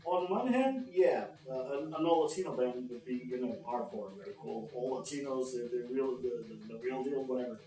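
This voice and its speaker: A male podcast host chatting with a guest in a casual interview. He rambles and keeps circling back to reword his questions. He sounds set back from the mic in an echoey room, with music playing clearly behind him. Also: mid-range voice, normal speed, hardly any pauses, warm tone, far from the mic.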